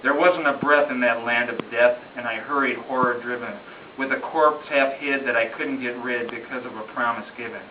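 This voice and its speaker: The amateur reader delivers a rhythmic, dramatic recitation of a narrative ballad in a room at a home gathering, using emphatic, story-like phrasing. He speaks in a steady tone at medium pitch and a normal speed. Faint noise sits under a muffled, distant, roomy home recording.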